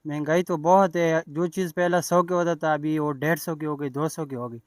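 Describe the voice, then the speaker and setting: A man with a Pakistani accent talks at length from his clothing stall, explaining how things have changed. His voice sits a little high, recorded dry and close. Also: fairly even intonation, normal speed, a little mellow, no room sound. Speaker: jacket stall owner. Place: outdoor street market.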